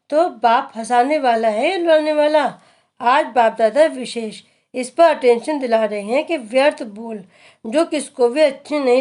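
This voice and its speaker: A woman reading a daily spiritual discourse aloud in a measured, earnest, instructive way. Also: on the high side, a little mellow. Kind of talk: slow devotional reading.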